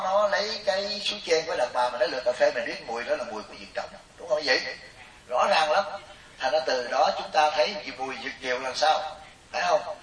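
Picked up by a distant mic in a roomy space, this middle-aged man speaks at a medium pitch with a fairly bright tone. His Buddhist sermon is humorous and conversational, built around stories, and he keeps turning to quiz the audience.

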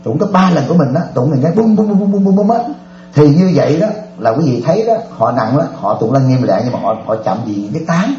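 A man's voice: medium pitch, fairly quick, hardly any pauses, reverberant, dull audio, soft background music. A Buddhist monk, animatedly telling stories in a dharma talk and often laughing with his audience. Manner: animated storyteller, often laughing, addresses listeners directly.

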